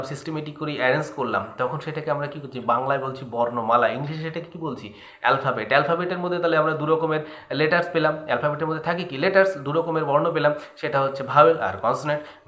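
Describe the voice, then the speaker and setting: Bengali-accented young male teacher, crisp and bright, asks and answers his own questions, echoey room. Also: fairly high pitch. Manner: asks the students questions and answers them himself. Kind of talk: grammar lesson.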